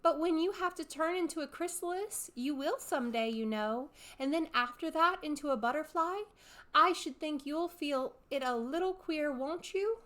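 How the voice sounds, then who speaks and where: A woman's voice: high voice, normal speed, fairly bright tone, pitched above the performer's own voice. A woman voicing a polite, earnest young girl who is timid yet a little indignant, in a storybook reading.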